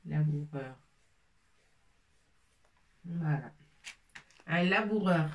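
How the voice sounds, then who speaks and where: Woman teaching arabic at a board, slow and a bit low, mic sits far from her. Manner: slow, spells out letters and repeats words. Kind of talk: whiteboard lesson.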